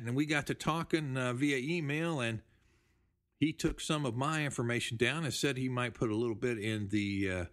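A man hosting a genealogy show, chatting casually as he reads through listener emails, with relaxed, rambling speech. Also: medium pitch. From United States. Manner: relaxed, rambling, with fillers and restarts. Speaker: podcast host. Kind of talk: casual talk reading listener mail.

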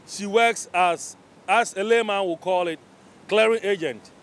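A man's voice: sits high, measured pace, a bit bright. A man with a Ghanaian accent hosting an interview, chatty and switching between English and Twi. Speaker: interviewer host. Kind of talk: casual interview. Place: outdoors on a beach by the sea. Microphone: handheld mic. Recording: faint outdoor traffic noise.

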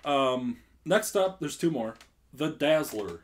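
A man's voice: a little high, lively intonation, slow. A young man hosting a casual podcast quiz game, laughing often and filling gaps with "um". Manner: laughs often, filler-heavy. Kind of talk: casual chat.

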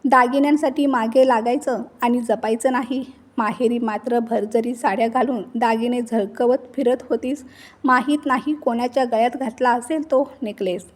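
A woman's voice: a little high, steady tone, moderate pace, lightly acted. A woman reading the lines of a harsh, accusing older mother-in-law in a storybook tale. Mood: scolding. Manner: sharp, accusing.

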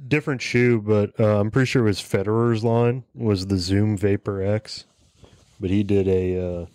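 Low-key man reading sneaker notes. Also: moderate pace, smooth, no echo. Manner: calm, low-key, reads notes aloud. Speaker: podcast co-host. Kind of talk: casual chat, reading sneaker background.

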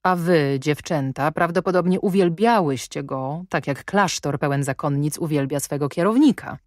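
A woman reading an audiobook, voicing a stern and commanding gentleman who speaks in a probing, sardonic way. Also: deep voice, normal speed, dry recording, studio quality, natural voice.

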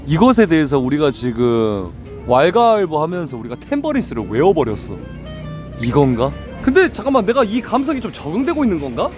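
Casting: man in his 30s, vlog host, teasing and playful, slightly high voice, music behind. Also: darkish tone. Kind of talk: casual chat on a date.

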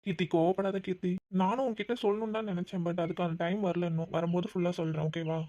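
A man's voice: high voice, little pitch movement, fast, darkish tone, natural voice. A man voicing a defensive, pleading young boyfriend in a cartoon, in a dull, dry, lo-fi recording. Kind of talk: cartoon voice acting.

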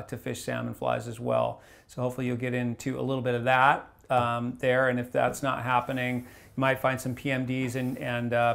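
This fly shop fishing reporter, in his forties, has a mid-range voice with vocal fry. He gives a relaxed, meandering report to camera from a small wood-paneled room, leaning on fillers and frequently restarting.

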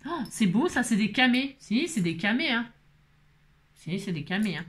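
A woman chatting casually while opening her mail, exclaiming at each item and now and then dropping into high baby talk to her pet. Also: sing-song, moderate pace. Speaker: craft vlogger opening mail. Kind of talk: casual chat unboxing mail. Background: paper crinkling and clicks.

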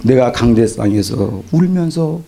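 A man preaching a revival sermon as pastor, swinging between loud exclamations and hushed asides. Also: mid-range voice, animated, measured pace, creaky. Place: church sanctuary.

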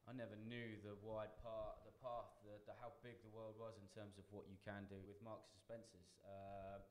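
A chef in his forties, sitting on a panel in a large function room with an audience, speaks earnestly to students and restarts often. His fairly low voice is flat at normal speed, in an echoey hall with faint room noise.

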